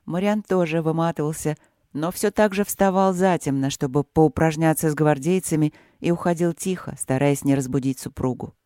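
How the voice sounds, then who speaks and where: An audiobook narrator reading a fantasy story in a measured storytelling way. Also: mid-range voice, dark tone, no echo, clean studio sound. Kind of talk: scripted narration.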